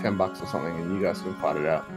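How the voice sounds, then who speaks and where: A man's voice: low voice, steady tone, racing, over music. A man co-hosting a livestream, explaining things in a hesitant, rambling way full of likes and ums. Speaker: live artist co-host. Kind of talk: casual livestream chat.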